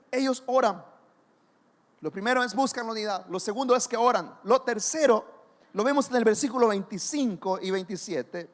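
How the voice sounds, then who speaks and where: Male pastor, high voice, fervent sermon, long hall reverb. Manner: impassioned preaching that swells to loud emphasis. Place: church.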